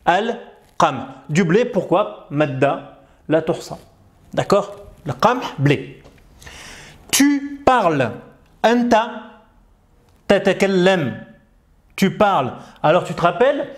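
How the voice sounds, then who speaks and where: A man teaching reading, patiently sounding out French syllables one at a time and switching into to explain. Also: sits high. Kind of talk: bilingual reading lesson, French explained in Arabic.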